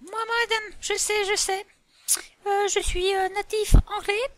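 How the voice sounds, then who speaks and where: A woman's voice: extremely high pitch, level tone, unhurried, fairly bright tone, no room sound. A woman voicing an eager schoolchild who recites the alphabet, talking with hesitant fillers. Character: eager schoolchild, a native English speaker.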